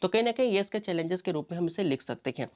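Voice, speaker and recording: Female exam coach, low voice, chatty question-and-answer delivery, muffled lo-fi recording. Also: expressive, racing, darkish tone. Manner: conversational, repeats fillers, asks and answers own questions. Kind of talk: explanatory lecture. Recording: dull lo-fi audio.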